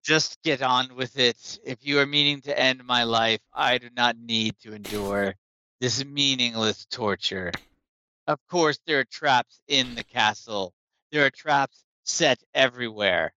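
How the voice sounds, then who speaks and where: A man voicing a wounded, defiant, sly hobgoblin prisoner with a gravelly, gurgling voice. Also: medium pitch, a little slow, sharp tone, no echo, highs cut off. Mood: weary defiance.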